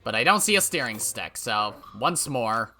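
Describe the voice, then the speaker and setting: A man's voice: medium pitch, big pitch swings, moderate pace, pushed and bright, faint music behind. A young man rambling through casual, self-mocking, profanity-laced commentary while playing a game at home. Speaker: let's play gamer.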